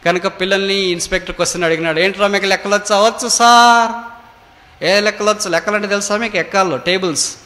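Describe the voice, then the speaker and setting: A man with a Telugu accent preaching a sermon in a prayer hall, swinging from loud rising cries to low quiet asides. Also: steady tone, racing. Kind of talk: sermon with acted story. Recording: long hall reverb.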